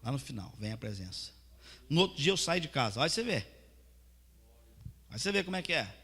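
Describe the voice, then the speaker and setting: A male pastor preaches a testimony sermon, his voice gravelly and bright. He swings from hushed storytelling to loud, fervent preaching. The church hall rings with long reverb. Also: medium pitch, very animated, brisk.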